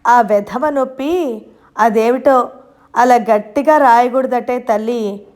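A woman's voice: a little high, takes it slowly, darkish tone. A woman narrator voicing an elderly grandmother who speaks affectionately and soothingly in a storybook reading. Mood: fond. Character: elderly grandmother, fond and fretful.

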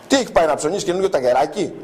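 A male TV host making a prank call and launching into loud, indignant, mocking rants. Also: on the high side, lively intonation. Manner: mocking, theatrical. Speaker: TV show host. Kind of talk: on-air prank call and ranting commentary.

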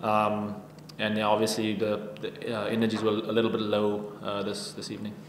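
Flat-toned man, echoey press room. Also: lowish voice, slight background noise. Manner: even-toned, halting with many restarts and fillers. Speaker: cricketer at press conference. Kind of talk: post-match press conference answers. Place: press conference room with sponsor backdrop. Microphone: table microphone. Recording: echoey room with long reverb.

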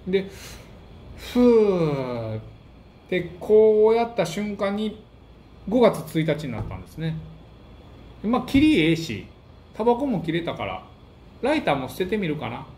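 A man's voice: sits high, moderate pace, long pauses. A man with a Kansai accent, a comedian hosting a casual monologue, telling stories and acting out what people said. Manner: animated storytelling that acts out quotes. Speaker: comedian and book-review host. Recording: echoey room with faint hiss.

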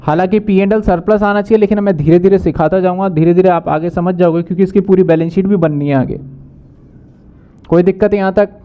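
A man teaching accounting in a brisk lecture, asking questions and answering them himself. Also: sits high, steady tone, clear, resonant tone, lo-fi sound. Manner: brisk, asks and answers his own questions. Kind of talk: whiteboard lecture.

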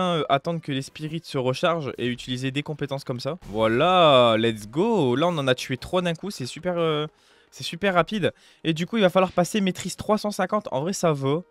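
A young man giving casual, upbeat gameplay commentary, chatty and full of fillers, as a gaming youtuber at home on a close desk mic. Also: fairly high pitch.

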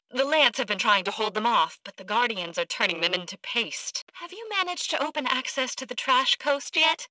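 Clipped, exact and deadpan, this actress voices a blunt, socially awkward scientist in a video game, a woman who is both eccentric and arrogant. Her voice runs a little high, with no echo on a low-quality recording.

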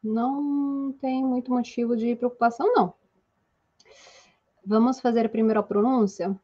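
A woman's voice: on the high side, fairly even intonation, normal speed, mellow. A young woman from Italy with an Italian accent, giving a playful, casual language lesson and laughing often. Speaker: Italian teacher. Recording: slightly dull lo-fi sound.

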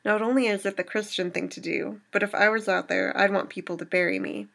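A woman's voice: mid-range voice, steady tone, fairly quick, vocal fry, a bit bright. A woman reading aloud as a worried, earnest young survivor with a pleading manner.

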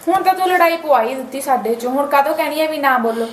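An actress playing a spiteful, sharp-tongued sister-in-law who scolds her husband's sister. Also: high voice, expressive, fast talker, slight background noise. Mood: defensive. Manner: scolding, dismissive. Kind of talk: amateur short-film acting.

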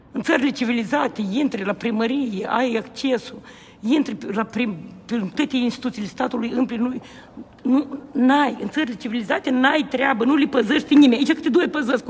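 High-voiced indignant man. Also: slight background noise. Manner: indignant, repetitive, exclaiming. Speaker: protesting citizen filming. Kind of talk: heated complaint to camera. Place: government building entrance, indoors. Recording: echoey hall, faint ambience.

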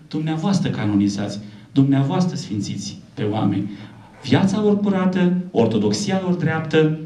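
A priest giving a lively speech at a book launch, telling stories and voicing the people he quotes. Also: on the high side. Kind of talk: public speech with storytelling. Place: event hall. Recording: echoey room from a distant mic.

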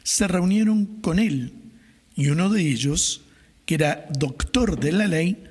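A middle-aged man, a priest, reads the Gospel and preaches a homily in a calm, measured way from a lectern microphone in a small chapel. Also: on the high side, husky. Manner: calm, measured liturgical delivery. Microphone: gooseneck microphone on the lectern. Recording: reverberant chapel sound.

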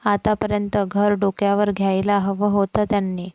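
A woman's voice: mid-range voice, completely flat delivery, normal speed, a little mellow, no echo, close to an everyday voice. A woman voicing a flustered, guilt-ridden young wife in a storybook reading. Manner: flustered, self-reproaching.

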